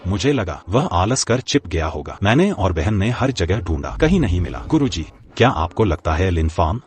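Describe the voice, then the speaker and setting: A man's voice: low voice, very animated, moderate pace. A man voicing a loyal, cautious young disciple in a dubbed fantasy drama, earnest in tone. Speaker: sect disciple.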